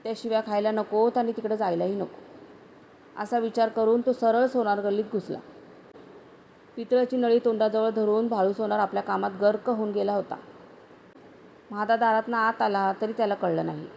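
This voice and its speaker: A woman storyteller reading a short story in a steady, even manner. Her voice sits at a middle pitch. A faint hiss of noise runs underneath. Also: moderate pace, vocal fry, pauses often. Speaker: story narrator.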